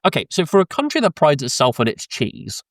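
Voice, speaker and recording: A man's voice: a little high, huge pitch swings, brisk, no echo, clean studio sound. A young British man co-hosting a podcast, rambling through an anecdote with swearing, laughs and many ums. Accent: British English. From Britain. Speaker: podcast co-host. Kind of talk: casual podcast chat. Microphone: close podcast mic, dry sound.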